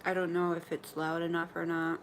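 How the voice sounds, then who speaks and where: A woman in her forties with a notably low voice, talking openly and casually to her followers on a livestream. She laughs easily and sometimes talks with her mouth full. A faint hum of room noise sits under her voice. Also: monotone, normal speed. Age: 40s. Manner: candid and chatty, often laughing, sometimes talking while eating. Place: indoors in her mother's apartment.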